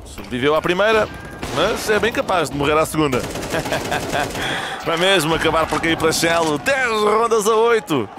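High-pitched, excitable Portuguese male esports caster. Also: moderate pace. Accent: European Portuguese. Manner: excitable, rising with the action. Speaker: esports play-by-play commentator. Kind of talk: live esports match commentary. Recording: clear noise behind, game ambience.

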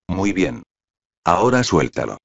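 A man's voice: sits low, sing-song, unhurried, creaky, husky, exaggerated voice. A man voicing a stern, wealthy middle-aged father who questions his son firmly. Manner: firm, interrogating. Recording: dull lo-fi audiobook recording.

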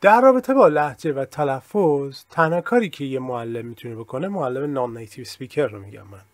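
A man's voice: medium pitch, animated, no room sound. A man whose first language is Persian, teaching an English lesson and explaining at length with modest asides and many examples. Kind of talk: recorded screen-share lesson.

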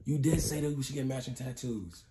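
A man's voice: mid-range voice, brisk, warm tone. A man casually teasing his girlfriend at home with playful, insistent slang during a prank. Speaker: prankster boyfriend, channel host. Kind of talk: casual prank vlog banter. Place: home, indoors.

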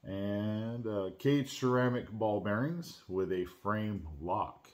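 A man hosting his own channel, unboxing and reviewing a pocket knife in a relaxed, chatty way with lots of "uh"s and restarts. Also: fairly low pitch, takes it slowly. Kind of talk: casual unboxing and product review. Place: at home.

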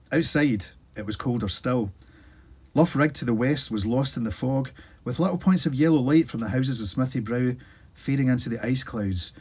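A man, an author, reading his own story aloud in an expressive, animated way. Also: mid-range voice, slightly rough.

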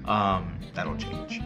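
A man vlogging casually, rambling loosely, breaking off and laughing at himself. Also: low-pitched.

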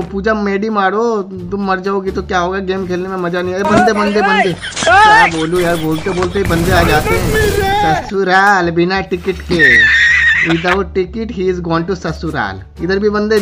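A man's voice: high voice, lively intonation, normal speed. A young man, chatting casually and pleading while playing an online game, flustered and joking. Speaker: gaming YouTuber. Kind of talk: casual gaming chat. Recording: game music behind.

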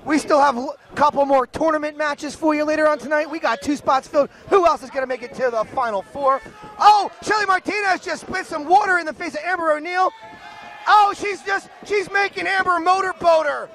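A man's voice: extremely high pitch, fairly quick, a bit bright. A man calling a wrestling match play-by-play, joking and bantering with his co-commentator.

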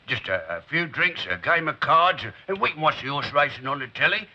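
A man's voice: a little high, sing-song, brisk, sharp tone, exaggerated voice. An actor playing a breezy, matey middle-aged Cockney man in a television drama, cheery and colloquial. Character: breezy, matey working-class London man. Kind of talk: 1960s television drama acting. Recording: dull old TV soundtrack, hiss.

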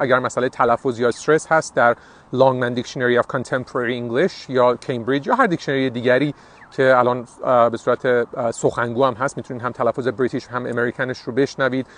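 A man's voice: medium pitch, a bit bright. A man in his fifties, a veteran English teacher, explaining his aims in an earnest way with many hesitation fillers. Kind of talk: explanatory monologue.

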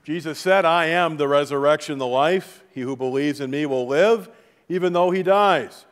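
A middle-aged man speaking as a pastor at a funeral, reading liturgy and prayers in a solemn, measured, formal way. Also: fairly high pitch. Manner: solemn, measured, formal delivery with falling phrase endings. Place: large church sanctuary, indoors before a congregation. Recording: reverberant church hall.

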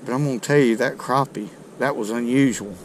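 A middle-aged fishing video host chats to viewers in a folksy, excited way while fishing from a rocky riverbank below a dam. His mid-range voice runs a little fast, and the chest-mounted action camera picks up a little hiss or hum.

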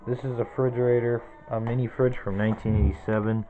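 A man's voice: mid-range voice, flat delivery, fast, soft background music. Rambling young man, tinny lo-fi sound. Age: 20s. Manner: rambling, lists objects one by one. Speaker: vlogger. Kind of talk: casual room tour. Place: small cluttered bedroom, indoors. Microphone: handheld camera close to the face.

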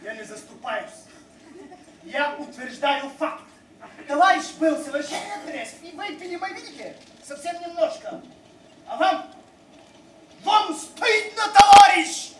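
Tipsy, generous city traveller for stage comedy, played by a man: very high voice, theatrical, heard from afar in an echoey hall. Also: lively intonation, normal speed, fairly bright tone, recorded from a distance, a little hiss or hum. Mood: indignant. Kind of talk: comic stage acting. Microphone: far camera in the audience.

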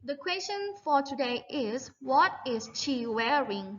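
A woman teacher giving a bilingual lesson, saying each drill word slowly and clearly for students to repeat. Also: sits high, lively intonation, muffled recording. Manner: slow, drawn-out drill words for repeating aloud. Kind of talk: bilingual classroom lesson video.

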